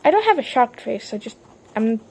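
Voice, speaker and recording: A woman's voice: on the high side, very animated, moderate pace, darkish tone, a little hiss or hum. A woman voicing all the characters in a playful homemade toy-train drama, jumping between silly character voices. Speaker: fan series voice actor.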